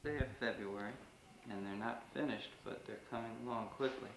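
A man's voice: lowish voice, a little fast, vocal fry, fairly bright tone. A man in his thirties giving a chatty, proud running commentary as he films his home renovation on a camcorder. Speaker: father filming home video. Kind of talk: home video narration. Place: house under renovation, indoors. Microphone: camcorder mic. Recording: roomy camcorder tape with hiss.

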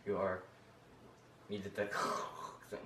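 A man's voice: low voice, little pitch movement, drawn-out words, pushed and bright, a little hiss or hum, exaggerated voice. A man playing a mopey young guy mourning a friend, bantering and joking indoors. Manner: joking, giggly, rambling banter. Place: indoor room. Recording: echoey room, camera far off.

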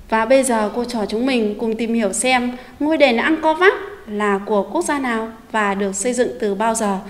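A woman teacher leads a recorded reading lesson for young pupils. She speaks gently and patiently, addressing the children directly in a fairly high voice, with a long reverb trailing behind her. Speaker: primary school teacher.

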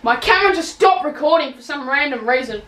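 A woman commentating her own video game match live, cheering, groaning and shouting at every play. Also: high-pitched, lively intonation, fairly quick, a little hiss or hum. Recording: roomy, slightly distant home mic with game audio.

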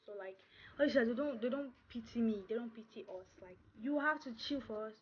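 Talking fast in a voice on the high side, this young adult vlogger from Nigeria speaks casually to her camera with a Nigerian accent. She repeats words to drive points home. The small room she's in yields muffled, lo-fi audio with clear background noise.

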